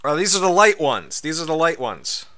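Streamer man, bright and lively, swears freely and yelps at scares. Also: a little high, moderate pace. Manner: swears a lot, yelps when startled. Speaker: gaming streamer. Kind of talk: casual gameplay chat.

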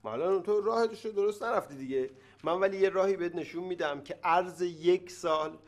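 An actor playing a boastful, excitable man pitching a get-rich scheme, in TV sitcom acting. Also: natural voice.

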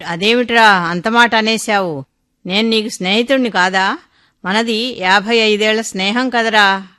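An anxious, remorseful older father, worried and unsure as a woman narrator voices him. The tone is bright and sharp, read out as a radio story. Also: medium pitch, measured pace, smooth. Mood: pained. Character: older man, guilt-ridden anxious father. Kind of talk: storybook reading.

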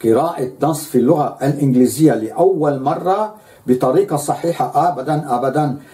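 A man's voice: a little high, brisk, mellow. A man giving a lecture, speaking emphatically and repeating words for stress.

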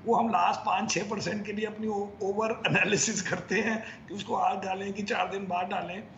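A man's voice: high-pitched, fairly even intonation, moderate pace, a bit bright, slight background noise. A middle-aged man, a fund manager, speaking on a video call in a chatty way, mixing English phrases in. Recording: roomy dull video call audio.

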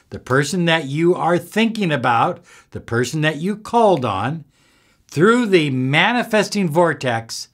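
An older man working as a self-help coach gives instructional talk to camera in a small indoor room with bookshelves. His slightly high voice is slow and expressive, and he's deliberate and emphatic, pausing between short phrases.

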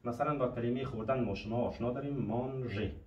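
A man's voice: mid-range voice, steady tone, muffled recording, slight background noise. A man teaching a language lesson, patiently asking questions and answering them himself. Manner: patient, asks and answers his own questions. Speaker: French teacher. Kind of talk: classroom lesson explanation. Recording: echoey room, mic at a distance.

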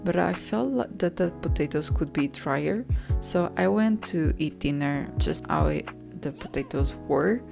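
A woman calmly narrating her home cooking video, soft and unhurried, sometimes correcting herself mid-sentence. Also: deep voice, vocal fry. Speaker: cooking vlogger. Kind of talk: calm voice-over narration. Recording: voice-over with soft background music.

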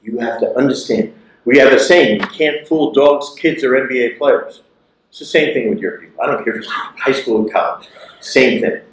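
Recorded in an echoey, large lecture hall, a keynote speaker in his sixties gives a motivational talk via lapel mic. He speaks with emphasis, circling back to his key phrases, in a medium-pitched voice at a moderate pace.

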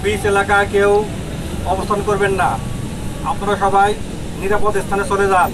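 A man's voice booms from a public loudspeaker somewhere down the beach, delivering an official warning in a fairly high, almost unvarying tone. It arrives from far off, with clear outdoor noise around it. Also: normal speed. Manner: steady, formal, monotone delivery. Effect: public loudspeaker announcement heard from afar. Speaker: warning announcer for beach visitors.

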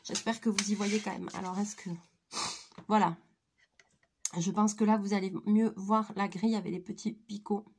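A woman in her thirties with a voice hoarse from flu, chatting informally and with slang as she presents a craft tutorial. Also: mid-range voice, steady tone, moderate pace, pauses often, darkish tone. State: hoarse, croaky from flu, coughing. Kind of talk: casual craft tutorial chat. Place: small attic room indoors.

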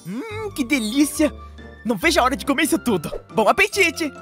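Exasperated cartoon cat babysitter: high, melodramatic, swooping delivery, music underneath. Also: male voice, very animated, a little fast, a bit bright, full character voice. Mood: weary, grumbling. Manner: melodramatic, grumbling, swings from cooing to ranting. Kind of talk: dubbed animation voice acting.

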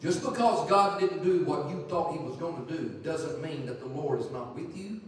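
A man's voice: on the high side, normal speed, slight background noise. A middle-aged man preaching as an evangelist, joking through folksy stories and then turning earnest. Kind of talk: sermon with storytelling. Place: church sanctuary. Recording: echoey church from far off.

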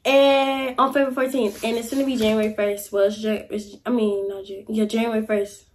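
Talking casually to camera about her life, a young adult vlogger sits in a small room, gesturing with animation and peppering her talk with "y'all" and "like." Her voice is on the high side and fairly quick, with a little hiss or hum in the audio.

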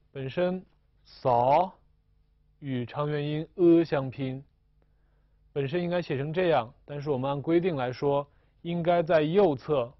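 A man teaching a recorded language lesson, explaining slowly and carefully with frequent hesitations. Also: medium pitch, no room sound, muffled recording.

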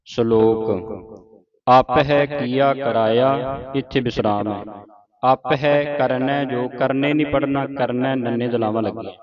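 A man teaching correct recitation of scripture, with quick explanations between slowly recited verses. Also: mid-range voice, highs cut off, crowd noise. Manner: quick instructive explanations, then slow drawn-out recited verses.

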